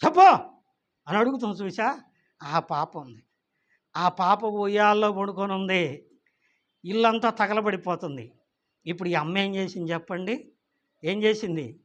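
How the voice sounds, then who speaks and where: High-voiced emphatic man preaching a sermon. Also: fairly bright tone. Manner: emphatic storytelling preacher, questions the congregation; chants lines of a hymn slowly. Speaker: pastor. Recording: dull lo-fi sermon recording.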